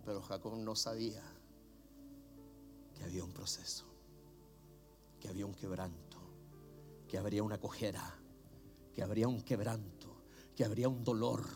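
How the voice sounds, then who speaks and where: A middle-aged man with a Chilean Spanish accent, preaching a sermon as a pastor, swinging from low murmurs to shouts. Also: steady tone, normal speed, long pauses, music in the background.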